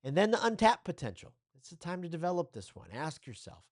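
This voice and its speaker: A man's voice: fairly high pitch, very animated, a little fast. A man teaching a recorded training lesson as a communication coach, speaking straight to the viewer in an upbeat, encouraging and loosely conversational way. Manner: loose and conversational, with fillers and restarts. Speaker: communication coach, course instructor.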